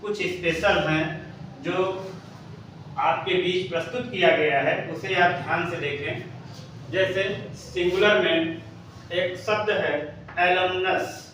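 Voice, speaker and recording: A male teacher explains grammar in a high, unhurried voice, stopping to spell out each word. He sounds set back from the microphone in a very echoey room with a faint hiss behind him. The effect is of a classroom lesson recorded from a distance. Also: steady tone, fairly bright tone. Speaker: English teacher. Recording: echoey room, voice from away from the mic, faint noise.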